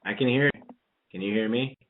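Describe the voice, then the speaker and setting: A man's voice: medium pitch, brisk. A man hosting a casual radio chat and rambling a little, his voice coming through a bad connection that keeps cutting out. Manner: rambling, self-interrupting. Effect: choppy phone line that keeps breaking up. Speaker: radio show host. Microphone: phone. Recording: tinny, breaking-up phone line.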